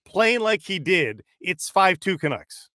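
A man in his forties co-hosting a hockey podcast, giving his opinions firmly and jumping in with quick remarks, recorded on a large studio mic in a small padded room. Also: high voice, big pitch swings, bright, forceful tone, dry recording. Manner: emphatic, opinionated, quick interjections. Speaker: podcast co-host. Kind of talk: casual sports banter. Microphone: large studio mic with headphones.

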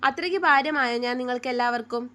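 A bitter young woman full of jealousy hurls sharp, resentful words in a story read aloud, as a woman narrator puts her on. Her voice sits high. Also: fast. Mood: resentful, shouting.

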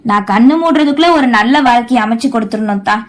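A woman's voice: on the high side, fast talker, close to an everyday voice. A woman voicing an old grandfather who consoles and reassures his family in a storybook reading. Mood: consoling. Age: older. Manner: soothing, consoling. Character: old grandfather, gentle yet firm elder.

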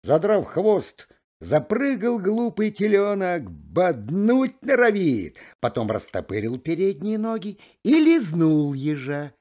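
A man reading a bedtime fairy tale aloud in a slow, animated storytelling manner. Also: high-pitched.

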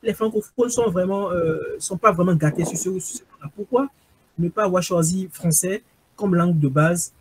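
A man's voice: sits high, moderate pace, a little hiss or hum. A man with a Beninese French accent hosting an interview, asking curious, teasing questions. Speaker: interviewer host.

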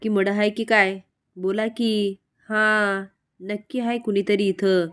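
A woman doing a loud cursing village grandmother. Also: little pitch movement, takes it slowly, clean tone, close to an everyday voice. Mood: suspicious. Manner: loud, scolding, shrill cursing.

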